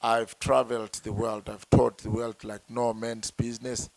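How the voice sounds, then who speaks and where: A man from Zimbabwe, a traditional healer, explaining slowly and deliberately and repeating words as he searches for them. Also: mid-range voice, flat delivery, gravelly, dry recording. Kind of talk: slow explanatory talk.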